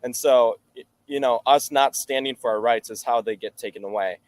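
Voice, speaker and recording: A man's voice: mid-range voice, brisk, a little mellow. A man of nineteen, a talk show guest, earnestly explaining at length in casual answers. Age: late teens.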